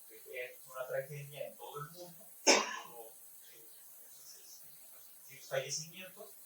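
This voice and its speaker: A man's voice: mid-range voice, a bit bright, a little hiss or hum. Mexican guy commenting at a conference, formal and reasoned, mid voice, big echoey hall, mic far off. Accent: Mexican Spanish. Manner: formal, measured academic reasoning. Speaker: audience member at a conference. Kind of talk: conference question-and-answer comment.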